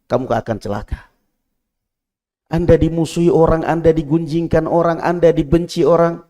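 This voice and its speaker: A man preaching a sermon, swinging from loud, high exclamations to low, quiet asides. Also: moderate pace. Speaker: Islamic preacher. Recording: long hall reverb.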